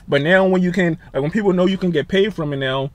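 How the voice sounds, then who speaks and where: A man's voice: sits high, fast. A young man chatting casually in a vlog, loose and slangy, with lots of fillers and asides. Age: young adult. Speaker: content creator. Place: Los Angeles.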